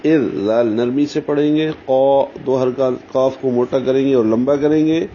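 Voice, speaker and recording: A man teaching Quran recitation, explaining each letter slowly and deliberately, and sounding out syllables as models. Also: medium pitch, mellow. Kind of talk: tajweed lesson, explaining pronunciation. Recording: dull, slightly muffled sound with faint hiss.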